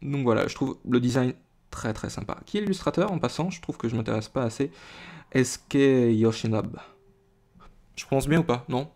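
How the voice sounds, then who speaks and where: Here a young French YouTuber rambles to camera as he unboxes trading cards, full of fillers and restarts. The voice is medium in pitch, animated, fast and a little mellow.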